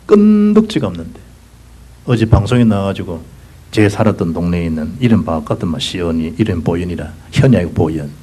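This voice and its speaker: A man with a Gyeongsang Korean accent preaching a sermon as pastor, swinging between loud bursts and hushed whispers. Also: low voice, fast talker, slightly rough, low-quality recording. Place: church sanctuary.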